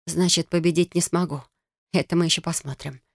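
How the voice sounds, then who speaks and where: A hot-tempered young witch, voiced by a woman reader, lashes out in shrill, shouted bursts. The sound is dry and close, as in a fantasy audiobook. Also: steady tone, brisk, gravelly, no echo. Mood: furious.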